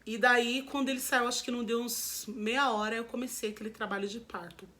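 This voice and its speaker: A woman's voice: fairly high pitch, steady tone, brisk, sharp tone. A woman with a Brazilian Portuguese accent, telling her viewers a personal story in a candid, emotional vlog. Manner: emotional, candid, repeats herself and addresses viewers as "gente". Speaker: vlogger.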